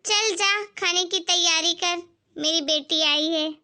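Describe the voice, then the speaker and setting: A woman voicing a bossy, stingy middle-aged mother-in-law in an amateur family skit, speaking slowly in a scolding, dismissive way. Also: very high-pitched, fairly even intonation, bright, forceful tone, exaggerated voice.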